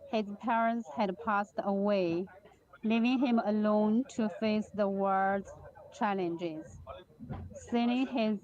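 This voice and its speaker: A woman reading a prepared personal story in a halting, deliberate way on a call from a train. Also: mid-range voice, darkish tone. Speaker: community member sharing a story. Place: on a moving train. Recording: dull online call, noisy train background.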